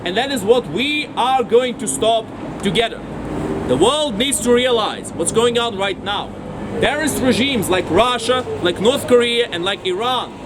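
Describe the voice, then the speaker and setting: A man giving an impassioned, declamatory speech at an outdoor rally. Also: very high-pitched. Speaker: rally speaker. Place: outdoors on a city street. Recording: street noise outdoors.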